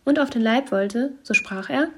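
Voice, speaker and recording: A woman narrating a fairy tale in a lively storytelling manner, sometimes dropping to soft whispers. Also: a little high, moderate pace, slight background noise.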